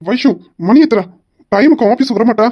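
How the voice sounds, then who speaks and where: A woman's voice: on the high side, moderate pace, highs cut off, lightly acted. A woman playing a harried young man, an office boss and boyfriend, who scolds his late girlfriend. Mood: exasperated. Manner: exasperated, scolding. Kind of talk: amateur romance skit.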